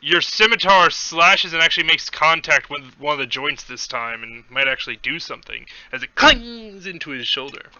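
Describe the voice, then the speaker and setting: A man's voice: on the high side, expressive, moderate pace, hardly any pauses, sharp tone, lo-fi sound. A man casually narrating a tabletop fantasy game as game master, in a playful manner.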